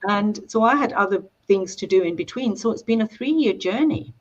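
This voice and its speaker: A Scottish woman, an author, talking in a chatty, animated way on a video call interview. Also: medium pitch, moderate pace, dull audio.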